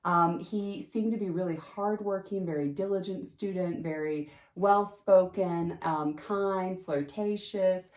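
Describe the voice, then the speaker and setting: A woman's voice: on the low side, unhurried, hardly any pauses, a little mellow. A woman casually telling a personal story, talking emphatically with lots of fillers and restarts. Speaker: storyteller sharing a personal experience. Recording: roomy echo.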